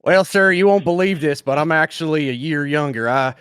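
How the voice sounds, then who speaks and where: A man's voice: fairly high pitch, fairly quick, a bit bright, clear, resonant tone, no room sound, studio quality, lightly acted. A man voicing a rambling, folksy 76-year-old man who stammers and jokes.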